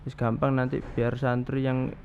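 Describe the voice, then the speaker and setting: Gravelly-voiced man. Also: medium pitch, little pitch movement, normal speed. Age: 30s. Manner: rambling, with many restarts and Javanese fillers. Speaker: guest. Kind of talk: casual interview. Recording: dull, slightly noisy studio audio.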